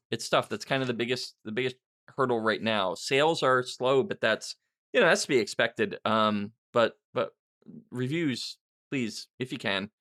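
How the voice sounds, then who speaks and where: With a fairly low, creaky voice and a fairly bright tone, a middle-aged podcast host and writer takes listener questions. The Q&A is casual and unscripted, and he rambles, thinking aloud and running himself down.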